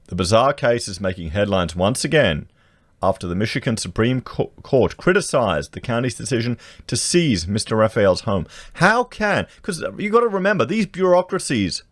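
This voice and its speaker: A man's voice: lowish voice, no echo. An Australian man, a vlogger, reading news items aloud and breaking off into indignant commentary with slang and rhetorical questions. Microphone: podcast microphone.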